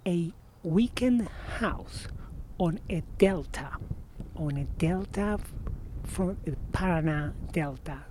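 A slightly high-pitched man in his sixties with an Argentine Spanish accent takes his time telling stories as a guest in a casual marina-side interview outdoors. Animated, he often drifts off mid-phrase and starts over, and a little hiss or hum can be heard.

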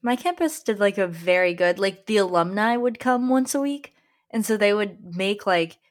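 A woman's voice: mid-range voice, expressive, moderate pace. A young woman chatting casually as a podcast co-host, wry and informal. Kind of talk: casual chat.

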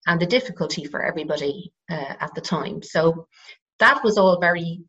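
A dull, lo-fi recording of an Irish woman in middle age. Her voice is low and croaky. She explains things informally, measured and hesitant, pausing often as she goes. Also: a bit bright. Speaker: psychotherapist, interview guest. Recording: dull, lo-fi sound.

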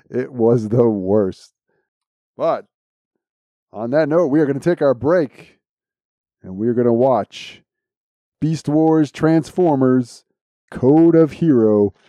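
A man's voice: mid-range voice, lively intonation, slow, long pauses, mellow, no room sound. A man hosting a podcast in casual chat, with a blunt way of talking. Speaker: podcast host.

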